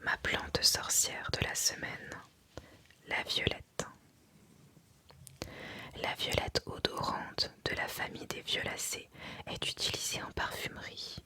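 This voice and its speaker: An ASMR reader whispering softly in an unvoiced, breathy voice, reading aloud carefully with deliberate pauses.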